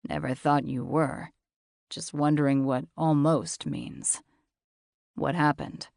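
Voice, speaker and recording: Female narrator doing a cynical, commanding man for an audiobook: low, blunt, gravelly. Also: takes it slowly, darkish tone, no room sound, studio quality, heavily acted. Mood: dismissive. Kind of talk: audiobook character voice.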